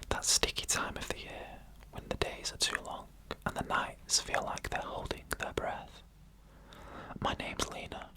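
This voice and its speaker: Whispering close to the mic the whole way through, an ASMR storyteller tells an eerie tale in the first person, using slow, deliberate phrasing and pauses. The recording quality is low.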